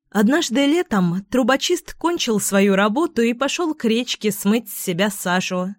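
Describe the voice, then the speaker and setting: A woman reads a children's fairy tale aloud at a slow, unhurried pace. Her telling is even and clear. The recording is dry and close, with no room sound. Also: mid-range voice, no room sound. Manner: slow, even storybook reading. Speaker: storyteller.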